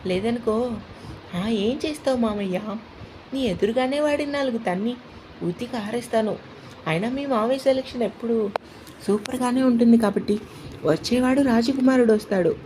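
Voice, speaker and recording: A woman voicing a gentle, protective middle-aged uncle who reassures and teases his niece. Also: on the high side, moderate pace, pauses often, slight background noise, lightly acted, rough recording. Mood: teasing.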